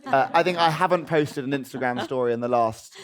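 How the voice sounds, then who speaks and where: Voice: mid-range voice, fairly quick. A podcast host asking playful, teasing questions in a live interview.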